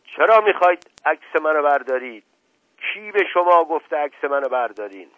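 A man voicing a paranoid, explosive older uncle who shouts and trembles with anger, in a dull lo-fi radio recording. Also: on the high side, big pitch swings, no room sound, voice pushed up. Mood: enraged.

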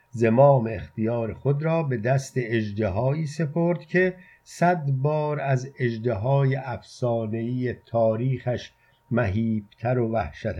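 A man reading a literary story aloud as narrator, with measured, even delivery, in a muffled lo-fi recording. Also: medium pitch.

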